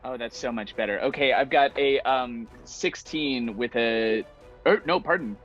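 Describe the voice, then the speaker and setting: Here a man playing a tabletop roleplaying game chats in a casual, playful way, his medium-pitched voice fairly bright and his pace measured. It's recorded on a slightly dull lo-fi mic with music behind.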